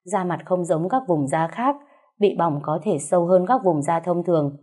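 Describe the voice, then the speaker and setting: A brisk emergency doctor asks quick, matter-of-fact questions, as a woman reader plays the part. The tone is lowish and mellow. It is an audiobook story reading. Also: natural voice.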